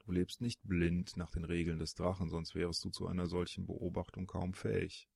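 A man reading a storybook audiobook, voicing a sorrowful, troubled human man with a husky voice and an earnest, questioning manner. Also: low-pitched, little pitch movement, moderate pace, darkish tone, dry recording, pitched below the performer's own voice, heavily acted.

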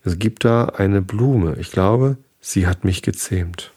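A man's voice: low voice, takes it slowly, mellow, a little hiss or hum. A man reading a storybook aloud and voicing a polite, curious little boy prince in a mild, questioning way. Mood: earnest.

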